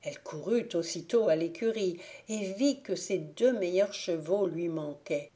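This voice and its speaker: A woman reading a fairy tale aloud for an audiobook, telling it slowly and evenly. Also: lowish voice. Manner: slow, even storytelling. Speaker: audiobook reader.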